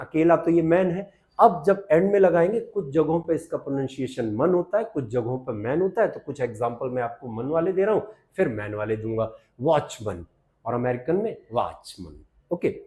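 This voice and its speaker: A man teaching English pronunciation in Hindi, drawing out each model word slowly and then asking the class to repeat it. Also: fairly high pitch, mellow. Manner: slow, drawn-out model words with quick repeat questions. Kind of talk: Hindi-language pronunciation lesson.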